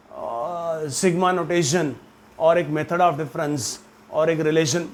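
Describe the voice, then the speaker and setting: Slow, high-voiced teasing maths teacher man. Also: slight background noise. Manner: teasing, joking with students. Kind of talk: classroom lecture. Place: classroom with students.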